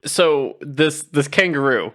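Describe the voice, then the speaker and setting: A man's voice: fairly high pitch, slow, fairly bright tone. A man co-hosting a comedy podcast, asking playful questions with hesitant restarts. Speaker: podcast co-host. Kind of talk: casual comedic podcast banter.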